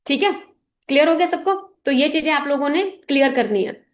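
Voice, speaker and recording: Brief: a woman with a high voice leads a team meeting, firm and instructive, often checking everyone is following. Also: lively intonation, moderate pace. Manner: direct and instructive, often checking listeners understand. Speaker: team leader addressing a business meeting. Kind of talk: motivational talk to a sales team.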